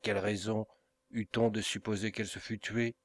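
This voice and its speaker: A man voicing a curious Italian gentleman guest who asks startled questions, for an audiobook. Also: fairly low pitch, level tone, normal speed, dry recording, lightly acted.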